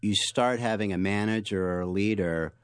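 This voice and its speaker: A man being interviewed as an author, explaining ideas and telling stories in an animated way, with frequent restarts. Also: on the low side, normal speed, smooth, dry recording. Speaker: author and guest. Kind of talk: interview answers, storytelling.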